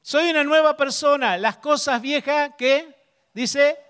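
A man preaching a sermon, asking the congregation questions and slowing down to stress key words. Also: very high voice, fairly bright tone, big-room sound. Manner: asks the congregation questions, emphatic slow stresses.

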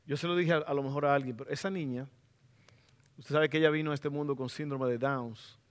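A man's voice: a little high, steady tone, fairly quick. Fervent middle-aged male pastor preaching. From Latin America. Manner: fervent preaching, rising to loud exclamations. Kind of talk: sermon. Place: church.

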